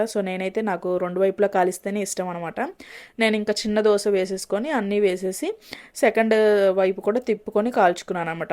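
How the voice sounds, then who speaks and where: A young mother walks viewers through a home recipe in a relaxed, chatty voice. She keeps checking in with the audience as she goes and drops English kitchen words into her sentences. Her voice sits at an ordinary middle pitch. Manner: chatty, often checks in with "okay?"; mixes English cooking words into her talk. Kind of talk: casual recipe walkthrough.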